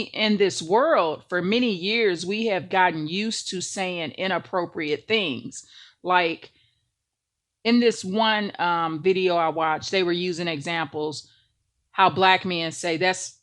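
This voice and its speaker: A woman's voice: fairly low pitch, fairly bright tone. A woman hosting a ministry channel, preaching a monologue to the camera and repeating phrases for emphasis.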